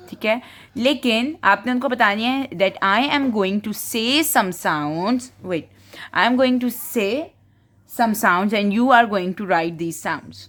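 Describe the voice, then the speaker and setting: A woman's voice: medium pitch, fairly bright tone. A woman, explaining spelling rules to parents in a home-schooling lesson and mixing English words into her talk. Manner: slow, explanatory, mixes English words into Hindi.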